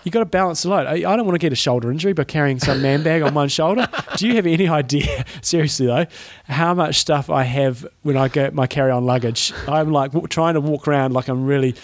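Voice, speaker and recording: Kiwi bloke chatting on a podcast, dry and a bit grumbly, no room sound. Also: male voice, a little high, quick pace, hardly any pauses, dry recording. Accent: New Zealand. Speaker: podcast co-host. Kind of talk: casual chat.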